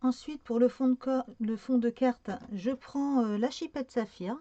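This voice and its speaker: A woman's voice: fairly high pitch, measured pace, dark tone, no echo, lo-fi sound. A woman talking through a card-making tutorial in a casual, hesitant way, with many fillers and self-corrections.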